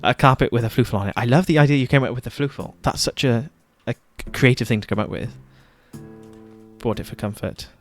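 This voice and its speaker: A man's voice: medium pitch, fairly quick, faint music behind. A man streaming a game, chatting casually, laughing often and reading game text aloud. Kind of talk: casual gaming commentary.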